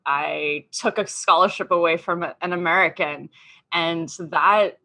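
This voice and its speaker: An Australian woman in her thirties, a podcast guest, chats casually in an interview, her speech packed with "um" and "like." Her voice sits fairly low and stays steady, a little slow, with a sharp edge.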